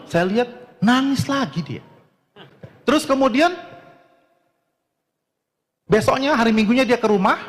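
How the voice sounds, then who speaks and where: A male preacher telling a story in a sermon, lively, acting out the dialogue as he goes. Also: high voice. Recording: long reverb of a hall.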